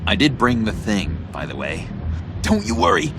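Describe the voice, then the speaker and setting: A man's voice: on the low side, huge pitch swings, normal speed, vocal fry, noisy background, full character voice. An actor playing an eager, unhinged, needy young male oddball in a video game, with a theatrical, hesitant then gushing delivery. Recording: music under the voice.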